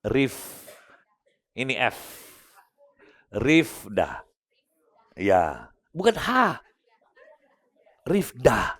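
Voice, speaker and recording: Animated man giving a joking talk. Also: medium pitch, extremely slow, pauses often. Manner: joking, coaching audience members one by one. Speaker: motivational speaker. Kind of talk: lively religious motivational talk to a group.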